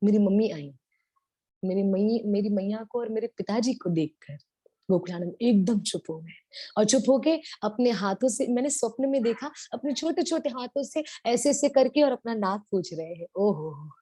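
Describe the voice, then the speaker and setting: A woman's voice: mid-range voice, moderate pace, no room sound. A woman giving a devotional talk, telling stories tenderly and mixing English words into her speech. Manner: tender, animated storytelling with Hindi-English mixing. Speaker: devotional speaker.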